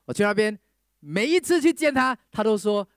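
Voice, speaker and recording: Male preacher, storytelling testimony, slightly high voice, dry close sound, acts out the people in his story. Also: moderate pace, no room sound. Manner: lively storyteller who mixes English phrases into Mandarin.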